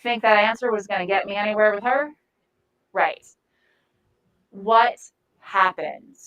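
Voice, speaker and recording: A woman's voice: medium pitch, steady tone, a little slow, clear, resonant tone, dull audio. A woman giving a volunteer training talk, blunt and profane, acting out example phrases.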